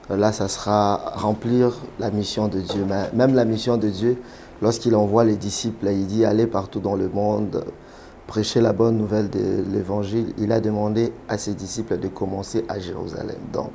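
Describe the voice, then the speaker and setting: A man from Kinshasa, a pastor and prophet, answering interview questions in a measured way with many hesitations. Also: lowish voice, vocal fry, mellow, slight background noise. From Congo (Kinshasa).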